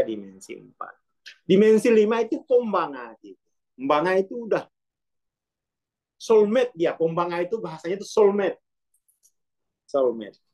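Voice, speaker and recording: A man's voice: high-pitched, darkish tone, dull audio. A man giving an informal, rambling self-development lesson over a video call, speaking in a loose, colloquial way.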